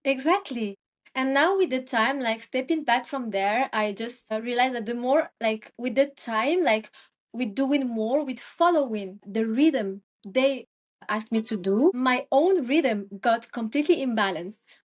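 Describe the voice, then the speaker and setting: A young woman from Morocco talks in a casual interview, stopping and restarting her sentences often. Her voice sits fairly high. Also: lively intonation, unhurried. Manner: hesitant, many fillers and restarts. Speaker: guest, Ayurvedic practitioner.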